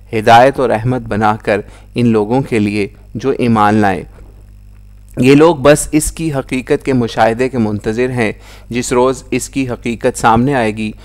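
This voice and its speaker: A man reads a scripture translation aloud, his voice sitting at an ordinary middle pitch. His recitation is solemn and measured. At the quoted cries he lifts it into raised declamation. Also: a little mellow. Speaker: Quran translation reader.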